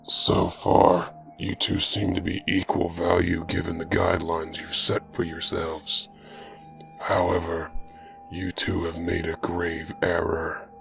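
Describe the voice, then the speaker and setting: A towering, mummified creature in a worn robe, as a male narrator puts it on, speaks in a very deep, hoarse, gravelly whisper, unhurried and cold. Faint music plays underneath. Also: level tone, heavily acted. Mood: cold, judging.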